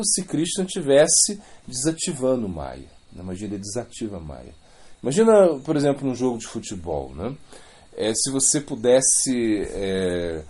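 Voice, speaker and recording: A man's voice: mid-range voice, warm tone. A man giving an informal religious lecture, rambling, repeating words and adding many questioning asides. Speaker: spiritual teacher.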